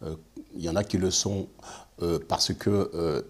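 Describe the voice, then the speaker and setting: A man born in France, a guest in a measured discussion, talking with many fillers and restarts. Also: low voice, steady tone. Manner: hesitant, many fillers and repeated words.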